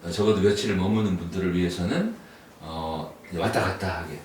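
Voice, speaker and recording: Unhurried man, roomy far-off sound. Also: low voice, a little mellow. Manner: unhurried, thinks aloud with fillers. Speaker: guest author. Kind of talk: relaxed conversational explanation. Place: book cafe. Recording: roomy distant sound, faint noise.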